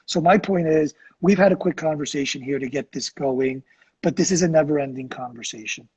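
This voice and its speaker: A middle-aged man co-hosting a casual conversation, chatty, expressive and self-deprecating. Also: on the high side, a little fast, slightly rough, poor audio. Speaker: co-host.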